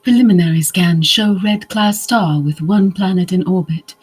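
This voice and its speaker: A woman voicing an impassive spaceship computer in a science fiction audio drama, making flat, procedural announcements. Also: lowish voice, moderate pace, noisy background, lightly acted.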